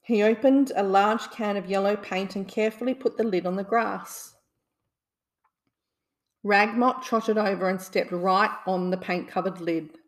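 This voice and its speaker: Woman reading a gentle bedtime story. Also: mid-range voice, measured pace. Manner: gentle, soothing.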